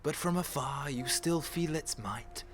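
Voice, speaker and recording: A man playing Death as a calm, philosophical, darkly mocking watcher, speaking in hushed, deliberate rhyme. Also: on the high side, faint music behind. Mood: ominous, teasing. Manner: slow, deliberate, poetic, grandiose. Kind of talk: rhymed poetic monologue.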